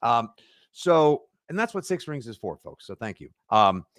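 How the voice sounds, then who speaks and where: New guy cohosting a sports podcast, jokey and animated, dry sound. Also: medium pitch, moderate pace, dry recording. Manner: animated, jokey, slips into silly voices. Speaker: podcast co-host. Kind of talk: casual sports podcast chat.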